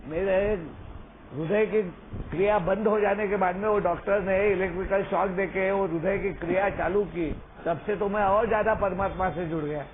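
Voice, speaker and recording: A man tells a recovery story in an earnest, unhurried way over a phone call, often checking that the listener is following. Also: high voice, steady tone. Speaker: recovery sponsor sharing. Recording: tinny phone line with faint hiss.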